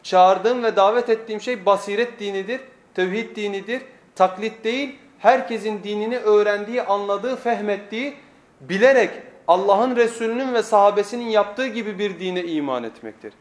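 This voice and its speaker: A man's voice: high voice, moderate pace. A man preaching a weekly sermon lesson at a pulpit microphone, emphatic, repeating phrases and putting rhetorical questions to his listeners.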